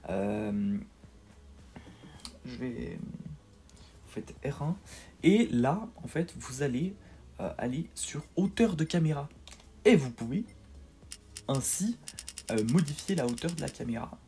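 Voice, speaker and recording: A man's voice: fairly high pitch, big pitch swings, slow, gravelly, pauses often, warm tone, slight background noise. A man giving a casual, hesitant voice-over tutorial for a video game, with many fillers and repeated words. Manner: self-deprecating. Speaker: gaming tutorial host.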